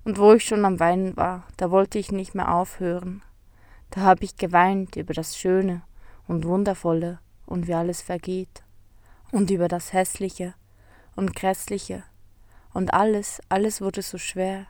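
A woman's voice: on the low side, level tone, measured pace, dry recording. Woman voicing a sad sobbing little beetle. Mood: sorrowful. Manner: soft, weepy and sighing.

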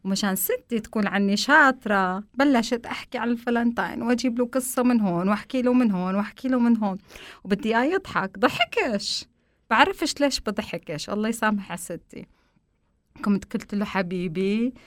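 A woman's voice: fairly high pitch, quick pace, no echo. Palestinian accent lady doing a funny story on the radio, laughs a lot, voice jumps all over, dry sound. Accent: Palestinian Arabic. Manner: animated, laughing, voices her grandmother and husband. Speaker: radio guest. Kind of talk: improvised comic storytelling.

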